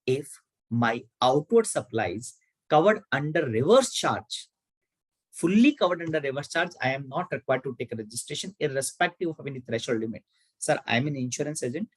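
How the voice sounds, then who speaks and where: A man's voice: medium pitch, lively intonation, a little fast, breathy edge, no echo, low-quality recording. A man with an Indian English accent giving an online tax lecture, asking and answering his own questions and repeating key points. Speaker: tax educator.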